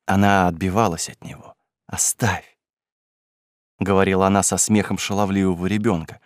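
A man narrating a classic novel as an audiobook in a measured, even storytelling manner. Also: low-pitched, no echo, studio quality.

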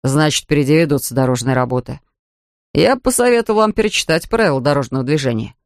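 A man's voice: fairly high pitch, lively intonation, fast talker, gravelly, no room sound, voice pushed down. A man voicing a stern, weary male police officer in an audiobook, with a dry, official manner of speaking. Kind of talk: audiobook character voice.

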